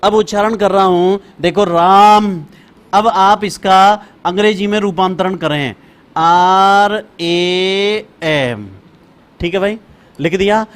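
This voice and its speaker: A man teaching Sanskrit grammar in a classroom-style lesson. He repeats each term several times and keeps calling his students "brother". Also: high-pitched. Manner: repeats terms slowly, addresses students as brother. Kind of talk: classroom lecture.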